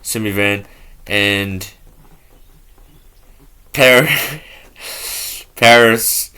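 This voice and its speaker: A man hosting a podcast speaks slowly in a fairly low voice with a bright, forward edge to it. He reads aloud from notes in a halting, offhand way and trips over unfamiliar words. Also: steady tone, smooth. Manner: halting, stumbles over words while reading; offhand and loose. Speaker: podcast host. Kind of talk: casual talk, reading aloud from notes.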